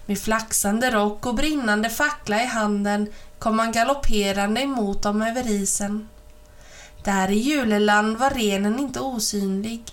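A woman narrating a children's storybook, reading steadily and clearly. Her pitch sits in a middle range for a woman. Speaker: reader.

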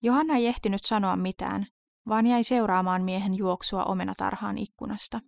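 Gravelly woman narrating a horror story. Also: mid-range voice, steady tone, dry recording, clean studio sound.

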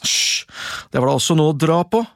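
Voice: medium pitch, expressive, vocal fry, no room sound, studio quality. A storyteller voicing two scornful older brothers in a folk tale, scolding and dismissive. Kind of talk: storybook reading.

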